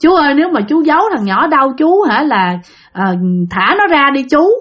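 A woman voicing a middle-aged husband who pleads with a spirit in rambling, halting words. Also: high-pitched, sing-song, a bit bright. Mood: pleading.

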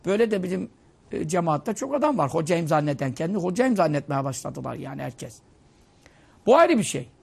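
A man's voice: fairly high pitch, sing-song, fairly quick, gravelly, a little mellow, husky. A male preacher giving a conversational sermon, humorous and scolding, telling stories.

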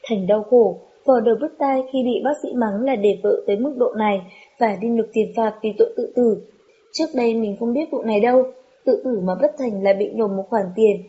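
A woman storyteller narrating a true-life story in a calm, steady, mournful way. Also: a little high. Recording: dull lo-fi recording.

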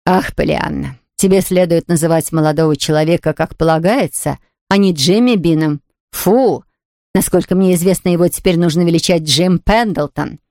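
A woman's voice: on the low side, normal speed, a little mellow, no echo, close to an everyday voice. A woman reading aloud, voicing a proud, frail older aunt who speaks in a dry, disapproving way. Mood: reproachful. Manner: dry, sniffing, reproachful.

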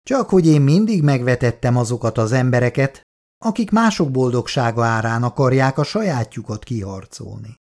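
A man's voice: mid-range voice, animated, darkish tone, lightly acted. A reader voicing Laci, a troubled young man unsure about his love, in a storybook reading. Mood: brooding.

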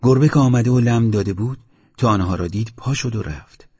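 A man narrating an audiobook story in a steady, measured way, on a dull lo-fi recording. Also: medium pitch, husky. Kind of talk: scripted narration.

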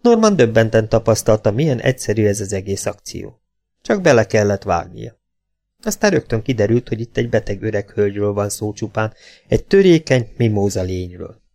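Gravelly-voiced man narrating an audiobook. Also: sing-song, a little mellow. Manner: low, measured storytelling.

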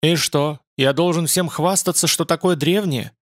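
A man voicing a proud, gruff young loner with a dark reputation, speaking bluntly and dismissively. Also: on the high side, normal speed, no echo, clean studio sound, pitched above the performer's own voice, close to an everyday voice.

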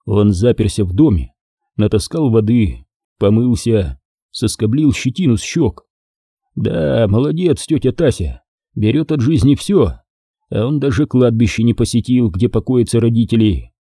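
A man narrating an audiobook with expressive reading. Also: mid-range voice, normal speed, breathy edge, no echo, clean studio sound. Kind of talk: scripted narration.

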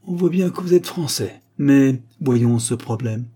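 A man reading aloud and voicing a jovial, good-humoured elderly professor with a husky voice. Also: medium pitch, a little slow, mellow, voice pushed up, close to an everyday voice. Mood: admiring. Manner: cheerful, exclamatory.

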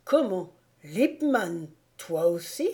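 A woman voicing a stern elderly male schoolmaster in an audiobook, scolding loudly and with biting irony. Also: on the low side, slow. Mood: outraged. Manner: thundering, ironic scolding. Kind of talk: audiobook character voice.

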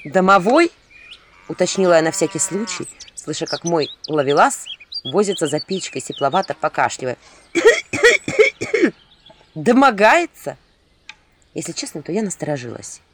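A woman's voice: low-pitched, fairly quick, slight background noise. A woman narrating an audiobook in the first person, with a wry, ironic storytelling manner.

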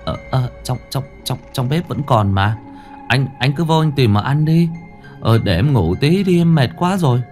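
A man's voice: medium pitch, animated, moderate pace, darkish tone, faint music behind, pitched above the performer's own voice, lightly acted. A man voicing a frightened young fisherman who stammers and stumbles over his words.

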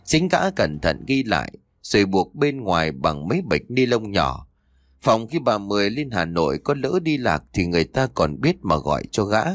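Male audio story narrator, lively dramatic pitch, dry close sound. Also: moderate pace, no room sound. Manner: dramatic, expressive reading.

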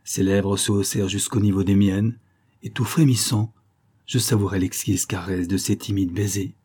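A man reading a literary short story aloud in the first person, expressive and bringing the dialogue to life. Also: on the low side, normal speed, breathy edge. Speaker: audiobook reader. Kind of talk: scripted literary narration.

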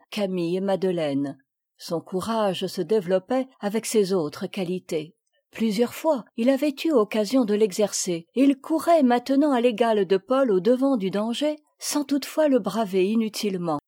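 A woman narrating a classic children's novel as an audiobook, measured and expressive. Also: medium pitch, no room sound, studio quality. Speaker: audiobook reader.

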